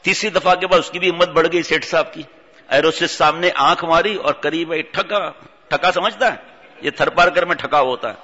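Bright-voiced man preaching in a hall. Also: on the high side. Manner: animated storytelling, acts out voices. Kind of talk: humorous religious sermon. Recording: dull audio in long-reverb hall.

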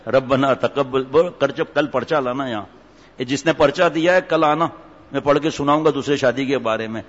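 A man, a cleric giving a humorous sermon in a mosque, teasing his audience with jokes and stories. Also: mid-range voice. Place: mosque hall. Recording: echoey hall, dull lo-fi sound.

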